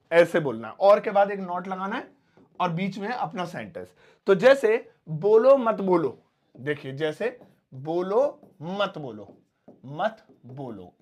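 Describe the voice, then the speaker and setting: A man from India teaching English phrases in a lively, chatty way, repeating each English phrase slowly word by word. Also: sits high. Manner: chatty asides to students. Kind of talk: Hindi-language English lesson.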